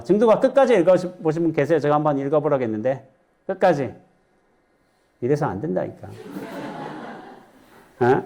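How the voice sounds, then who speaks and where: Mellow-voiced monk giving a joking dharma talk. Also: male voice, mid-range voice. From Chungcheong, Korea. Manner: chatty, joking asides, quizzes the audience. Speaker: Buddhist monk lecturer. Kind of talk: dharma lecture to a lay audience. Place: temple lecture hall with audience.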